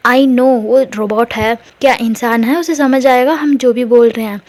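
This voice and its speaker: A woman's voice: a little high, steady tone, measured pace, darkish tone. A woman voicing an upset young wife who scolds and complains, told in a casual storytelling manner.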